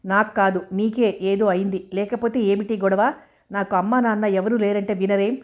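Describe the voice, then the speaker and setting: A woman voicing an agitated, confused young man who shouts accusations at his family. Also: medium pitch, fairly even intonation, moderate pace, natural voice. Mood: hostile, shouting. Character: agitated young man, hostile, confused after head injury.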